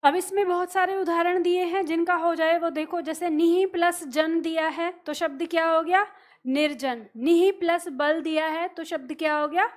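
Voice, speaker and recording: High-voiced woman teaching a class. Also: fairly even intonation, moderate pace. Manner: patient, questioning, answers her own questions. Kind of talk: classroom grammar lesson.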